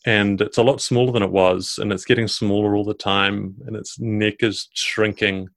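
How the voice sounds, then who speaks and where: A man's voice: lowish voice, flat delivery, normal speed, creaky. A man improvising the narration of a tabletop game as its game master.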